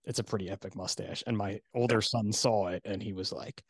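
A man's voice: fairly low pitch, fairly even intonation, fairly quick, husky, no echo, studio quality. A man hosting a podcast, chatting casually and rambling with self-deprecating asides and frequent laughs. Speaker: podcast host. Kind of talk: casual interview chat.

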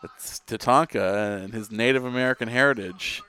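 A man's voice: medium pitch, normal speed, bright, forceful tone, smooth. A man giving play-by-play wrestling commentary with tongue-in-cheek, colourful phrasing.

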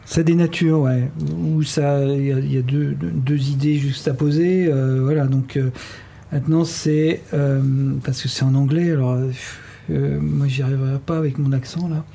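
A man's voice: mid-range voice, steady tone, normal speed, gravelly, dark tone. A man hosting a radio show, talking casually with many fillers and restarts.

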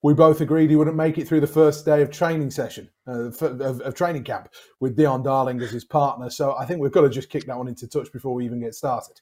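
A man's voice: mid-range voice, steady tone, fast talker, a little mellow. A man co-hosting a sports podcast who challenges the others' picks as devil's advocate. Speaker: podcast co-host. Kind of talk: casual sports chat.

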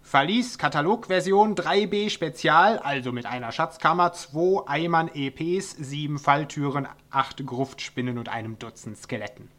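A man voicing a gruff, grey-haired dwarf foreman who talks in short, grunting phrases. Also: on the high side, normal speed, hardly any pauses, fairly bright tone, close to an everyday voice. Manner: curt, grunting.

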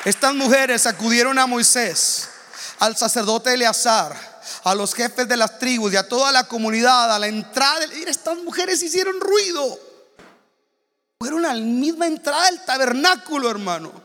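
Male preacher, bright, piercing tone, impassioned sermon delivery. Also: very high voice, normal speed, long reverb tail, some chatter behind. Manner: impassioned, shouting exhortations, swinging from loud to hushed.

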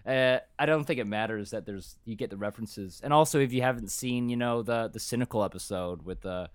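A man co-hosting a podcast, talking casually in a relaxed, thoughtful way on a close mic. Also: mid-range voice, fairly quick, clear, resonant tone, no echo. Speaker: podcast co-host. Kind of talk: casual chat.

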